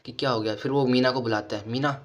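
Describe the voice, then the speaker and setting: A man narrating a casual anime recap in a rapid, run-on retelling. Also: mid-range voice, fairly even intonation.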